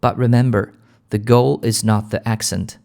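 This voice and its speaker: A man with a British accent leading a shadowing lesson for English learners in a calm, gentle, clear manner. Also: mid-range voice, normal speed. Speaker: English teacher.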